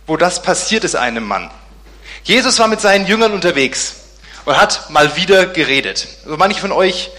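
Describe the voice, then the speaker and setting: Bright-voiced man telling a sermon story. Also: fairly high pitch. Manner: lively, acts out dialogue in voices. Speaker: pastor.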